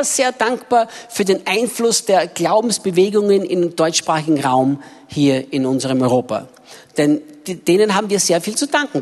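A woman interpreting a sermon in the first person, with an emphatic, expressive storytelling manner. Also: medium pitch. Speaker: interpreter for a preacher. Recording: echoey hall reverb.

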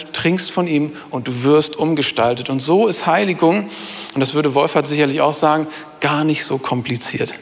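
A middle-aged man preaching a sermon, speaking emphatically and addressing his congregation directly. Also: a little high. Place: church hall before a congregation. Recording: reverberant hall sound.

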